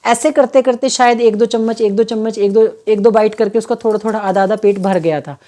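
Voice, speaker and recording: A woman's voice: a little high, steady tone, brisk, mellow. A woman giving parenting advice in a casual, earnest talk, often checking in with the listener and acting out quoted mothers.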